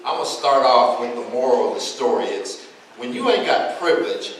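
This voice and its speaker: A man's voice: medium pitch, animated, moderate pace. Man performing rhyming spoken word, echoey. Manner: rhythmic rhyming delivery with wry asides. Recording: echoey room, mic far off, faint noise.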